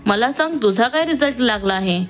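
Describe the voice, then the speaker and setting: A woman's voice: fairly high pitch, lively intonation, fairly quick, soft background music, lightly acted. A woman voicing a shy, hesitant young woman from a poor family in a read-aloud story. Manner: hesitant, soft-spoken. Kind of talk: storybook reading.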